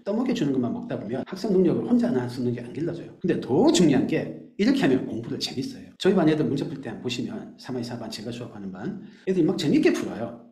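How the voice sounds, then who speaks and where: Fast-talking man teacher, echoey room. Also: fairly high pitch. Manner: brisk, animated explainer who acts out teachers and students. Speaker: math academy teacher. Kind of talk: explaining class methods to parents.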